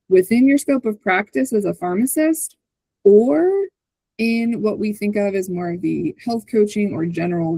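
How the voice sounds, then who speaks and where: On an online video call with screen sharing, a woman hosting a community call explains things conversationally, frequently wrapping points with a checking "right?". She has a dark, mid-range voice, with no room sound but poor audio.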